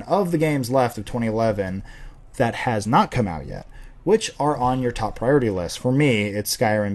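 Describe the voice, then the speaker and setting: A man's voice: mid-range voice, darkish tone. A young man in his twenties hosting a casual Q&A, rambling and swearing freely as he answers viewer questions. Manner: rambling, profane, self-deprecating ranting. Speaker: host of a viewer Q&A show.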